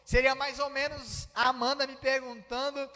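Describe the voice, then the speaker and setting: With a Brazilian Portuguese accent, a Brazilian man preaches in a reverberant church hall, explaining a text and acting out its quoted dialogue. His voice is very high, pushed and bright, with little pitch movement and a moderate pace.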